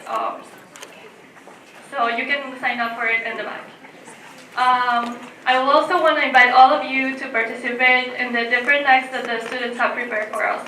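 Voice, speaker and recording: A young woman from Ecuador opens a college show as emcee, her delivery formal and a little halting. Her voice sits high and bright. It is caught from a distance with a roomy echo. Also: slight background noise. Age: young adult. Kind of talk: live event hosting. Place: college event room.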